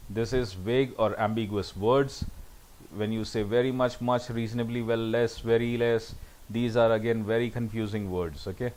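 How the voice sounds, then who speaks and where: A man's voice: medium pitch, darkish tone, rough recording. A man giving a recorded lecture over slides, often saying "okay" between points.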